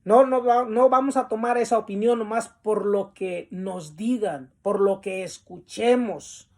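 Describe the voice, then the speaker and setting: A man teaching a Bible class at a very slow, unhurried pace. He reads definitions aloud from the lesson, then explains them in his own words. He pauses often and fills the gaps with "este". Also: sits high, darkish tone. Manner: deliberate, with pauses and the filler "este".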